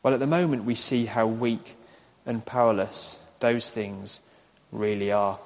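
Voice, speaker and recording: A man preaching a sermon in a slow, deliberate way, with emphatic pauses. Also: fairly low pitch, steady tone. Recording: long hall reverb.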